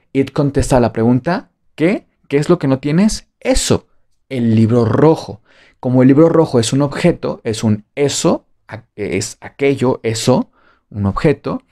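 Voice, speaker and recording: A man's voice: mid-range voice, lively intonation, unhurried, mellow. A man with a Mexican Spanish accent teaching a beginner English lesson online, playful and jokey, drilling phrases by repetition.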